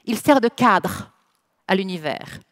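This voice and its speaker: A woman's voice: mid-range voice, expressive, fairly bright tone, no room sound. A woman with a French accent hosting a festival opening ceremony on stage, joking playfully and switching between French and English. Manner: playful, teasing, deliberate delivery. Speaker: ceremony host. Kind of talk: bilingual ceremony hosting with jokes. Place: festival stage before an audience.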